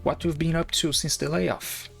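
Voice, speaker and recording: A man's voice: on the high side, level tone, moderate pace, gravelly, fairly bright tone. A man streaming a game live, reading its dialogue aloud casually and stumbling over words now and then. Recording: faint game music behind.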